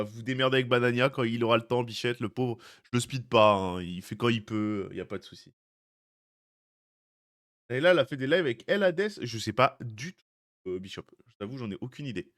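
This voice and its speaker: A man's voice: medium pitch, moderate pace, fairly bright tone. A young man streaming live, chatting casually with his viewers, greeting them by name and teasing them. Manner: chatty, greets chat by name, jokey asides.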